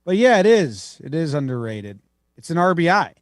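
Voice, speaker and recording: Animated man talking baseball. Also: a little high, normal speed, no room sound, studio quality. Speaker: podcast co-host. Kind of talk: casual sports chat.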